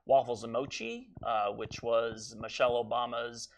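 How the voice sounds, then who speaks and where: An American man with an average-pitched voice answers interview questions. He is a working puppeteer and speaks in an informal, jokey way. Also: fairly even intonation, moderate pace, vocal fry, slight background noise.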